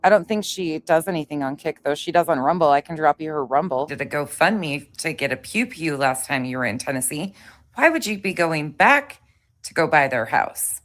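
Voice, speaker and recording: A woman with a deep, slightly bright voice and lively intonation talks at normal speed in a dry recording. As a livestream host reacting to played clips, she chats with viewers casually, bluntly and scornfully, with plenty of profanity.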